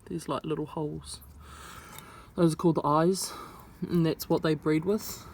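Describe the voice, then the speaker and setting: A woman's voice: deep voice, steady tone, a little slow, darkish tone, slight background noise. Young New woman. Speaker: vlogger. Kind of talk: casual vlog talk to camera. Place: indoors, speaking to camera.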